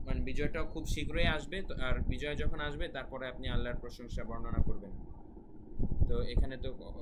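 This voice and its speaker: A man teaching Quran recitation, chanting verses slowly and explaining pronunciation rules in a soft, conversational voice. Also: mid-range voice. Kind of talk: tajweed lesson with Bengali explanation. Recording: loud background noise.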